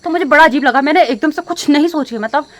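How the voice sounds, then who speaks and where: Young woman, vlogger, fast talker, fairly high voice, upset, rambling, many fillers, phone camera. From India. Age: young adult. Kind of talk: casual emotional vlog talk to camera.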